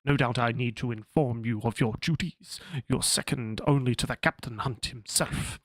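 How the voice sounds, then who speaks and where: A man's voice: mid-range voice, moderate pace, slight background noise, lightly acted. A man doing a stern, officious science officer. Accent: Australian. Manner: clipped, officious. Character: stern, formal male chief science officer.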